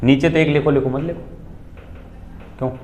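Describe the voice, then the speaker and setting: A man's voice: fairly high pitch, fairly even intonation, moderate pace, a little mellow, reverberant, slight background noise. A man teaching a maths class, questioning his students and calling them "beta" as he works through the steps.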